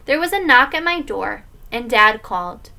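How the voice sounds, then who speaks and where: A woman reading a children's book aloud in an expressive way. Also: fairly high pitch, normal speed, vocal fry. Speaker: story reader.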